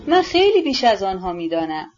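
A woman's voice: medium pitch, sing-song, a little mellow. A woman voicing a proud, defensive young man who scoffs and mutters, in a storybook reading on a dull, lo-fi recording.

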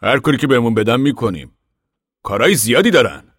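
A man voicing a determined older farmer father who speaks loudly and insistently in an audiobook reading. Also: medium pitch, lively intonation, no room sound, studio quality, voice pushed up, close to an everyday voice. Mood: earnest. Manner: loud, insistent, raised voice.

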